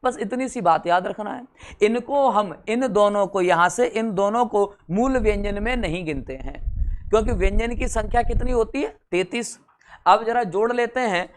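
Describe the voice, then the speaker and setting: A man's voice: high voice, normal speed. Indian guy teaching at the board, chatty, checks if you got it, dry little jokes on the side. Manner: conversational, addresses students directly, checks understanding; wry, teasing asides. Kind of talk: classroom lecture at a board.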